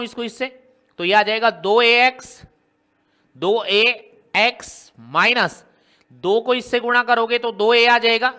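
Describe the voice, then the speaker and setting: A man's voice: very high voice, sharp tone, clear, resonant tone. A man teaching a maths lesson, working through a problem step by step and asking his students question after question. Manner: explains step by step, often quizzing students with rhetorical questions.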